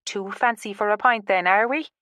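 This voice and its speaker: A woman's voice: mid-range voice, normal speed, pushed and bright, no echo, studio quality, lightly acted. A woman voicing a friendly, outgoing country man who talks in a hearty, teasing way in an audiobook.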